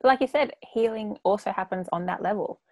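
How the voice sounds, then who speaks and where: A woman's voice: mid-range voice, fast talker, dark tone. A woman interviewing in a casual, conversational way, informal and agreeable as she thinks aloud.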